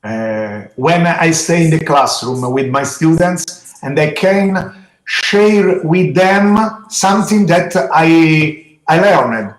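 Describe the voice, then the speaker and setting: Slow, echoey Italian-accented man, middle-aged. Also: on the high side, lively intonation. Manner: halting, simple non-native phrasing. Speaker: geology teacher being interviewed. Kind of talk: interview answers to students. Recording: echoey room.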